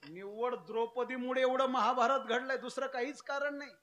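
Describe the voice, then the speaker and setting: High, bright-voiced male storyteller preacher. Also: fairly even intonation, normal speed, faint music behind. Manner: emphatic, swings between loud declaiming and low narration; acts out characters' dialogue in changed voices. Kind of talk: storytelling sermon.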